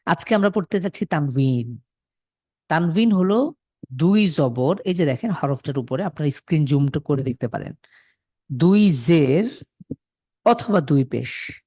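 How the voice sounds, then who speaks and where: A man's voice: fairly high pitch, lively intonation, measured pace, long pauses, mellow, studio quality. A man from Bangladesh teaching Quran reading in a live online class, patiently repeating rules and sounding out syllables for students to echo over a computer mic.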